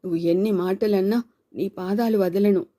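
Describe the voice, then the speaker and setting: A woman's voice: mid-range voice, steady tone, normal speed, dark tone, close to an everyday voice. A woman reading a novel aloud and voicing a sly husband who talks with mockery or pleading. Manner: mocking.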